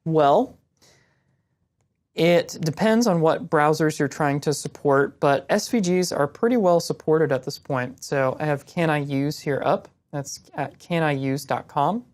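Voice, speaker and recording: A young woman answering viewer questions about web design in a casual, relaxed screen-share lesson, explaining step by step. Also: deep voice, unhurried.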